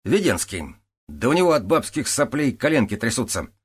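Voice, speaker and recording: A man voicing a gruff, blunt police sergeant who scoffs and mocks, read as an audiobook character. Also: medium pitch, big pitch swings, moderate pace, voice pushed up. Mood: scoffing.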